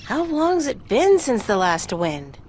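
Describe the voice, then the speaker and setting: Curious young game heroine, higher voice, lively and full of questions. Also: female voice, slow pace, a little hiss or hum. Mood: inquisitive. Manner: asks endless naive questions. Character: curious young woman adventurer, naive and inquisitive.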